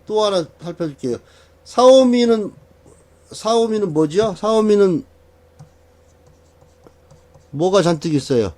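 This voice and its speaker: A man's voice: high-pitched, dark tone. A man teaching a class how to read a birth chart. He keeps asking questions and answering them himself, with chuckles between points. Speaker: saju fortune-telling teacher.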